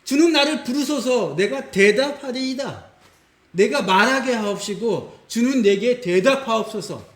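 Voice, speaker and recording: A man's voice: extremely high pitch, lively intonation, unhurried, roomy sound. A man voicing Job, an anguished and defiant sufferer, pleading and protesting in a raised voice.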